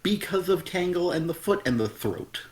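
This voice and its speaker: A man's voice: high-pitched, lively intonation, normal speed, darkish tone. A man co-hosting a casual comic review chat, blunt and exasperated, swearing often. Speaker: podcast co-host.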